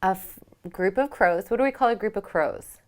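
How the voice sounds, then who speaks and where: A woman leading a children's yoga storytime at home. She reads a picture book aloud and asks the kids gentle questions. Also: mid-range voice, moderate pace.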